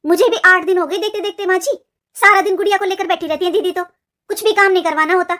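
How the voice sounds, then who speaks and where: A resentful, grumbling young wife in a cartoon. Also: female voice, very high-pitched, fairly even intonation, quick pace. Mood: indignant. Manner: sharp, sulky, grumbling. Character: nagging younger sister-in-law, resentful, complaining young wife. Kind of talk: cartoon voice acting.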